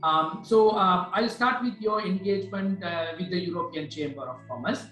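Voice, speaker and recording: A man's voice: sits high, moderate pace, bright, forceful tone. Polite man hosting in an echoey room. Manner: polite, formal questions with hesitations. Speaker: webinar host. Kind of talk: hosting an interview. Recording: echoey room with faint music.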